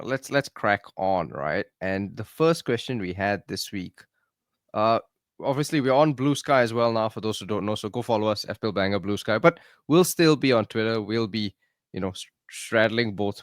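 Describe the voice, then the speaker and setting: A man's voice: on the low side, lively intonation, moderate pace, no echo, clean studio sound. A man hosting a podcast in casual chat, upbeat and teasing, keeping things moving. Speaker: podcast host.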